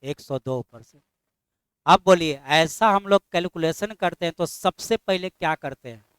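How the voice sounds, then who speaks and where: A middle-aged man teaching a math class, firing constant questions at his students and scolding them mildly when they are slow. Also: a little high, fairly bright tone, clean tone, no echo.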